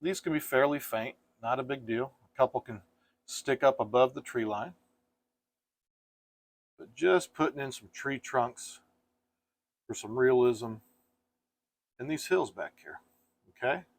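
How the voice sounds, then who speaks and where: An easygoing male instructor takes his painting lesson slowly, step by step, pausing often. His mid-range voice stays casual, gentle and reassuring.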